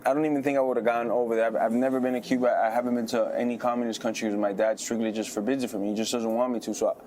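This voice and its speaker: A male fighter in his thirties, a guest in a casual interview, who talks in an animated way, repeats himself and often restarts his sentences. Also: medium pitch, very fast, a little hiss or hum. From United States.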